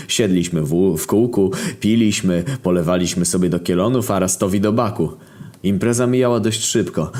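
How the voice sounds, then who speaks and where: Casting: low-voiced man, dry deadpan narrator for a foul-mouthed comic tale. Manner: deadpan storytelling, heavy swearing. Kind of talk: scripted narration of a comic internet story.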